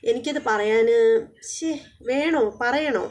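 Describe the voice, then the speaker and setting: A woman voicing a sweet, hesitant young wife in a TV serial recap, coaxing and full of trailing pauses. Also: sits high. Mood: coy.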